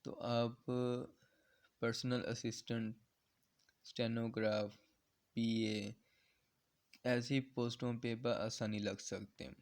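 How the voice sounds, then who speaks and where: A man's voice: mid-range voice, little pitch movement, slow pace, pauses often. A man from Pakistan teaching a step-by-step lesson. He talks patiently and checks in with "okay" after nearly every point. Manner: patient, repeats "theek hai" to check understanding; encouraging, earnest in closing advice. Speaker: shorthand teacher.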